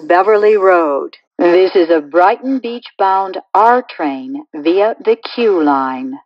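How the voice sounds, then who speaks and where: A woman's recorded train announcements, spliced together from separate words with the stop names in a different pitch. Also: no echo, recorded from a distance, dull audio. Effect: spliced-together prerecorded words.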